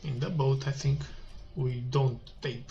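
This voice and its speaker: A man's voice: medium pitch, fairly even intonation, measured pace, warm tone, breathy edge, dull audio. A man playing a tabletop role-playing game, casually asking questions about the scene.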